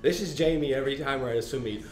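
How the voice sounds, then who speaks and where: A man's voice: mid-range voice, rapid-fire. Chatty young man in an echoey room. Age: young adult. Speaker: swimmer. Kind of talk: casual recollection. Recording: echoey room with faint music.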